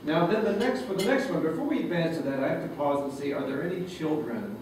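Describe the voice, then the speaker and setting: A man's voice: on the high side, lively intonation, quick pace. A man giving a joking speech at a reception, chuckling at his own lines. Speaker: speaker at a reception. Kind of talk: humorous speech to a room. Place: reception room. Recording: roomy, distant, noisy room recording.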